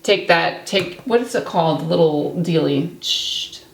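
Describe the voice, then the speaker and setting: A woman's voice: fairly low pitch, lively intonation, measured pace, vocal fry, roomy sound, recorded from a distance, background noise. A woman co-hosting a casual kitchen tour, chatty and teasing, with the hiccups. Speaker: co-host.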